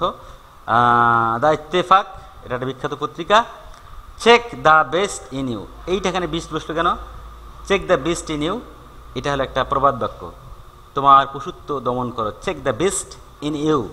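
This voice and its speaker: A man with a Bangladeshi accent teaching an English grammar lesson, reading each example slowly and then explaining it. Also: mid-range voice, sharp tone, in a large hall, poor audio. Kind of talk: recorded classroom lesson.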